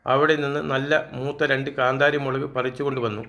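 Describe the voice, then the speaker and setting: A man's voice: mid-range voice, little pitch movement, fast talker, sharp tone. A man narrating a first-person childhood story as a storyteller.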